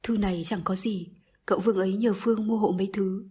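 A woman voicing an honest, steady young man who speaks politely and calmly while hiding his worry, with a very breathy voice. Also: medium pitch, fast talker, natural voice. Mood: polite, guarded. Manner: polite, calm, guarded.

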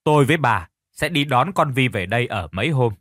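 A man playing a gruff older farmer husband who scolds and grumbles in exasperation. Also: medium pitch, expressive, brisk, fairly bright tone, dry recording, clean studio sound. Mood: placating.

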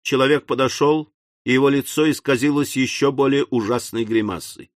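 A man narrating an audiobook in an expressive, dramatic style. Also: mid-range voice, moderate pace, no echo, clean studio sound. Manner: lively, dramatic reading.

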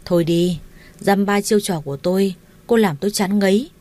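A woman's voice: medium pitch, a little fast, warm tone, close to an everyday voice. A woman voicing a blunt, scornful young husband in a read-aloud romance story, curt and dismissive.

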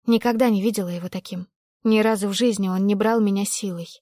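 Woman reading a first-person audiobook, steady measured tone, dead dry close sound. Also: mid-range voice, no room sound. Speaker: audiobook narrator. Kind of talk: first-person scripted narration.

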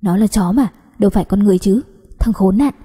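A woman narrator puts on a young cousin who is protective and tender, coaxing one moment and scolding the next. The voice stays dark and husky, with a long reverb behind it, as in an audio storybook. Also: mid-range voice, fast talker, natural voice.

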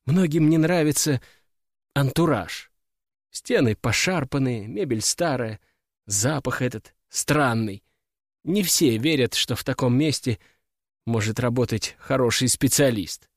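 A man's voice: medium pitch, measured pace, dry recording, studio quality. A man voicing a shrewd young woman who runs a clinic, talking in a practical, coaxing way in an audiobook. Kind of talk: audiobook character voice.

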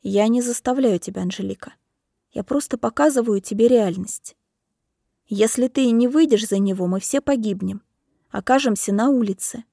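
A woman's voice: on the high side, normal speed, vocal fry, mellow, dry recording, studio quality. A woman reading the part of a stern, desperate middle-aged mother, speaking coldly and firmly in an audiobook. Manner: cold, firm, insistent.

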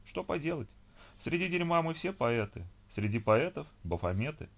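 Sneering demon guy, crude and sly, voice pushed up high, as a man puts him on. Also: very animated, normal speed, vocal fry, exaggerated voice. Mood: mocking. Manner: taunting, mock-poetic.

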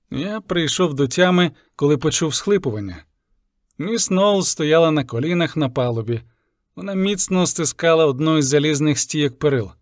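A man narrating a sea story in the first person with an even, measured reading. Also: fairly high pitch, no room sound, clean studio sound. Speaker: audiobook narrator.

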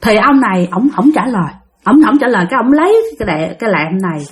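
A woman's voice: medium pitch, big pitch swings, quick pace. A woman telling a ghost story in a chatty way, talking straight to her listeners. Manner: chatty, addresses listeners directly. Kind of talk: casual spoken ghost story.

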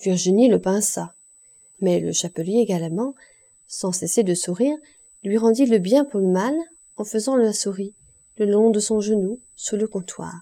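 A woman reading a classic novel aloud as an audiobook, in a measured, expressive way. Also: medium pitch, husky. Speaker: audiobook reader. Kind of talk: scripted narration.

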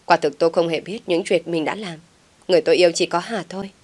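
A woman's voice: lowish voice, fairly even intonation, fast, darkish tone, lightly acted. A woman voicing a bewildered young man who stammers in panic. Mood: panicked. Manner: stammering, flustered.

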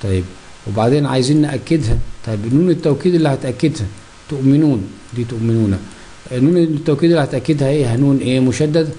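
Fast-talking Egyptian man teaching grammar. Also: medium pitch, dark tone. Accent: Egyptian Arabic. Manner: asks himself questions and answers them. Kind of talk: explaining grammar lesson.

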